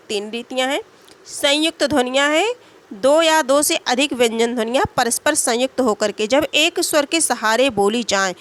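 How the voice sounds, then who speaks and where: A woman's voice: high-pitched, fairly bright tone. A woman teaching a grammar lesson, explaining each point and repeating it with rhetorical questions.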